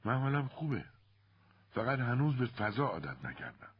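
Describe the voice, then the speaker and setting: A man's voice: mid-range voice, sing-song, husky, highs cut off, voice pushed up. A man doing a weary returning soldier. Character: young man back from war, weary and gentle.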